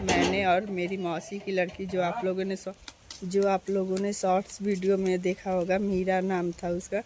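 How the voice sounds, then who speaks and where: A woman in her thirties talks chattily straight to her viewers, her pitch staying level and even. She sits outdoors in the shade by her door, filmed on a phone camera. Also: slight background noise. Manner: chatty, addresses viewers directly. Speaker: vlogger. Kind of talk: casual chat to camera.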